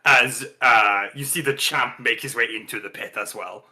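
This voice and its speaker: A man's voice: medium pitch, moderate pace, bright, forceful tone. A man narrating a tabletop game as game master, rambling with lots of restarts. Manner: rambling, full of fillers and restarts, laughs often.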